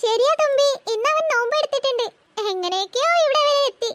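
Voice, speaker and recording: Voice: lively intonation, fast. A voice actor doing a sweet coaxing cartoon mother. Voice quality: very high-pitched. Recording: loud background hiss.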